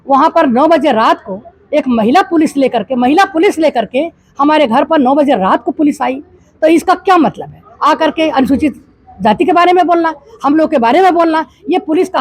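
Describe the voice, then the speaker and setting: A woman's voice: sits high, animated, a little fast, dry recording. An older woman from eastern Uttar Pradesh, a politician answering a news reporter's questions with indignant rhetorical questions. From Gorakhpur, eastern Uttar Pradesh, India. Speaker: interviewee, politician. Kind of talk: news interview.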